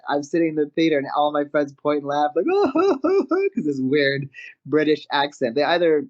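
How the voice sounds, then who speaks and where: A man's voice: on the high side, brisk. A man with a Canadian accent, a wrestler guest telling stories in a casual interview and often laughing as he talks. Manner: animated, laughs often mid-story. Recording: slightly muffled audio.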